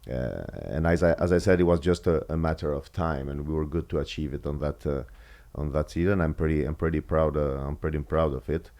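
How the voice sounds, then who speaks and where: This Kosovar ex-footballer, whose accent is Albanian, is being interviewed casually and keeps stumbling, restarting and filling gaps. He speaks at an extremely low pitch with fairly even intonation and a mellow quality.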